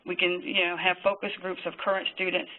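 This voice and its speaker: A physician on a panel delivers prepared webinar remarks in a high, flat, even voice. He keeps a measured pace but pauses often on fillers, and the audio is thin and tinny like a phone line.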